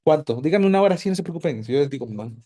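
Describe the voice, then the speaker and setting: Male Bible teacher, slightly high and mellow, animated and questioning. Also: racing. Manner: animated, asks the class many questions. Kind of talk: casual teaching to a group.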